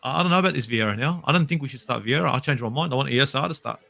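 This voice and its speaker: A man talking football casually, animated and swearing now and then. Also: medium pitch, racing, vocal fry. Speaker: podcast guest.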